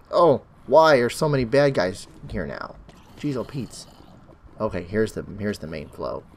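A man hosting a game channel, chatting casually through a let's-play while sick, with a raspy throat. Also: mid-range voice, slight background noise. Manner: chatty, talks to himself while playing. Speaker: gaming channel host.

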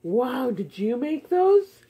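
Her voice sits high and is warm, husky, and sing-song as she talks slowly in a casual, encouraging way. Asking short, simple questions like she's addressing a child in a home puppet show, she's beside the Christmas tree in a living room, captured by a phone camera a short way off.

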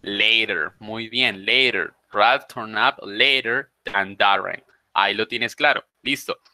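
A man teaches an online class, patiently breaking grammar rules into small steps. His voice is bright and sharp, and the sound is dry and close with no room around it. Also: lowish voice, slow pace, no echo. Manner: patient, explains step by step.

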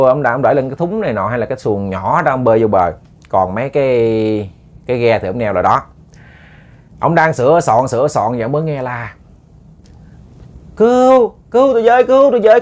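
A man's voice: medium pitch, dull audio. A man with a Southern Vietnamese accent telling a ghost story to listeners, casual and chatty with many repeated words.

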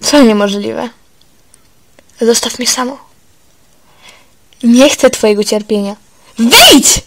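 A young girl torn apart by unrequited love, as a woman reads her. She pleads tearfully, her voice jumping high in a homemade storybook reading. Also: fairly even intonation, slow pace, darkish tone, no echo. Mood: heartbroken.

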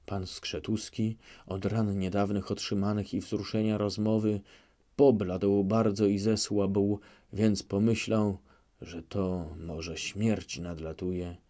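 A man narrating a classic novel as an audiobook, measured and unhurried. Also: lowish voice, little pitch movement, warm tone. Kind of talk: scripted literary narration.

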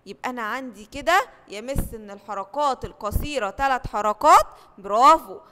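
A woman with an Egyptian accent leads a lesson for young children in a bright, high voice. She asks question after question, answers them herself and stretches out each example word slowly. The voice rings with a long reverb. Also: expressive, slight background noise. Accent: Egyptian Arabic. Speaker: primary school teacher. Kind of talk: recorded lesson for first graders.

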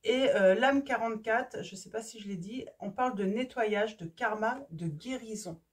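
A woman with a hoarse voice reading tarot cards for her viewers, casual and hesitant, often stopping to search for words. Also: a little high, moderate pace, distant mic. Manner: hesitant, many fillers and restarts. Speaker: tarot reader. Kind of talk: casual card-reading video.

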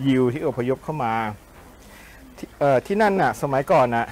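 A man's voice: medium pitch, lively intonation, normal speed, a little mellow, slight background noise. A man co-hosting a cooking show, chatting casually and explaining food history and little English tidbits with playful asides. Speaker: co-host sharing food history and trivia.

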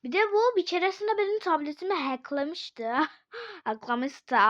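Young woman, gameplay commentary, excitable, swears a lot, slow drawl, dull lo-fi recording. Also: very high voice. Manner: excitable, swears and shrieks at the game. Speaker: gaming video creator. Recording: dull lo-fi sound.

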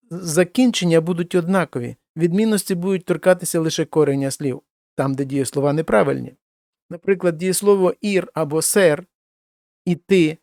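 Чоловік, вчитель іспанської, сухий звук. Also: male voice, high-pitched, darkish tone, no echo, clean studio sound. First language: Ukrainian. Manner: slow, careful, repeats example forms, switches between two languages. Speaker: Spanish language teacher. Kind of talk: explaining grammar with spoken examples.

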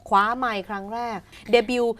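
A woman's voice: fairly high pitch, fairly even intonation, normal speed, background noise. A woman co-hosting an English lesson show, explaining patiently in a casual chat and dropping English phrases into her talk. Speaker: co-host and English teacher.

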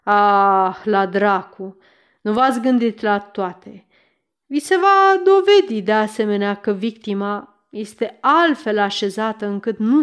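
A stern middle-aged village mayor questions suspects in a firm, pressing way, as a woman reads him in an audiobook. The voice sits at a middle pitch and grows louder when he gives orders. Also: clean tone, close to an everyday voice. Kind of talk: audiobook reading.

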